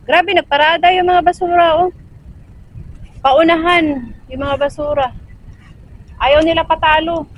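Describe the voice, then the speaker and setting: High-voiced chatty woman vlogging outdoors. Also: fairly bright tone, a little hiss or hum, low-quality recording. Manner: chatty, exclaims often, talks to viewers as she walks. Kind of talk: casual walking vlog. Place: outdoors by a river park.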